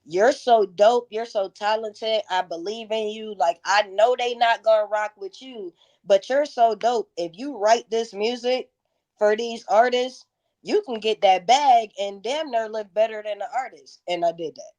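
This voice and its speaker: A woman's voice: on the high side, unhurried, darkish tone, muffled recording. Blunt, profane woman in her thirties. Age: 30s. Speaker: interview guest, songwriter. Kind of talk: casual interview.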